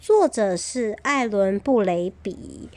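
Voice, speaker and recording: A woman reading a picture book aloud to her children, animated and expressive. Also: mid-range voice, slow. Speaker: storyteller parent.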